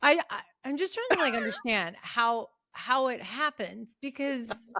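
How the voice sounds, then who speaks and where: Woman, podcast co-host, curious, questioning, high pitch, lively. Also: unhurried. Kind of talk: casual chat.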